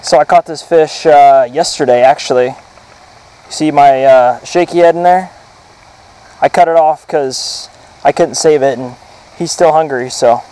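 A man's voice: on the high side, a little slow, warm tone, smooth. Upbeat young man vlogging about fishing. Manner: enthusiastic, addresses viewers directly. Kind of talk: casual vlog narration. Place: indoor den, then outdoors on a farm pond. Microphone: action camera.

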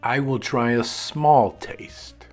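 A performer voicing a reluctant, grumbling male cartoon character who talks slowly and grudgingly. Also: medium pitch, soft background music, lightly acted. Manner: slow, flat, grudging.

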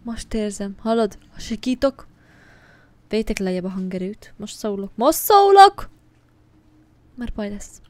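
A woman's voice: mid-range voice, steady tone, mellow, no echo. A woman giving jumpy, casual commentary while playing a horror game, talking to objects on screen and swearing now and then. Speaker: gaming channel host.

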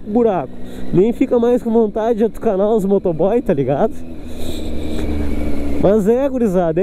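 A man's voice: high voice, warm tone, slight background noise. A young man, rambling casually and self-mockingly as he rides a motorcycle through city streets at night, recorded on a helmet action camera. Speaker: motovlogger. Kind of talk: casual motovlog commentary while riding.

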